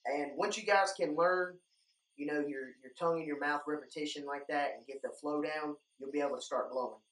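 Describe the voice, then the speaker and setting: In an echoey indoor room full of duck decoys, picked up by a faraway mic, a young man instructs viewers on duck calling as the video's host. He speaks brisk and a bit bright, with a higher-leaning pitch. His style is casual and plain-spoken, and he calls the audience "guys."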